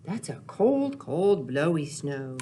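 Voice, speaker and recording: In a low, mellow, slightly rough voice, a woman runs a library storytime for little ones, speaking slowly with a sing-song lilt. She reads books aloud, leads songs, and asks questions in simple phrases.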